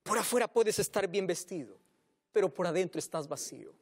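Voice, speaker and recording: A man preaching a sermon as a pastor, fervent and repetitive, growing quiet and tender toward a closing prayer. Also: high-pitched, lively intonation, a little fast, breathy edge. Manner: impassioned preaching, turning soft and hushed for the closing prayer.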